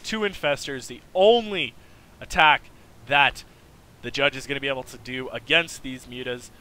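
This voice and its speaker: A man casting a strategy game match with excitable play-by-play, full of fillers and sudden loud high exclamations. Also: moderate pace. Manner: filler-heavy, restarts sentences. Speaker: game caster. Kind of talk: esports play-by-play commentary.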